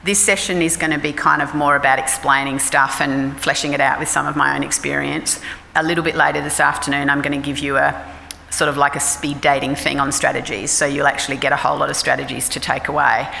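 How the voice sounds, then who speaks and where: A woman's voice: deep voice, flat delivery, quick pace, creaky, pushed and bright, slight background noise. A middle-aged Australian woman, a clinical psychologist, giving a frank, conversational talk at a forum. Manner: frank, conversational, self-deprecating. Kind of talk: informal public talk. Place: forum hall. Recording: reverberant hall with faint ambience.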